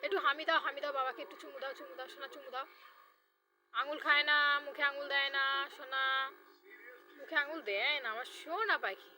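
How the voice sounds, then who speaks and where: A woman's voice: high voice, fairly even intonation, normal speed, sharp tone. A woman talking to a baby in coaxing, sing-song baby talk, repeating short words over and over.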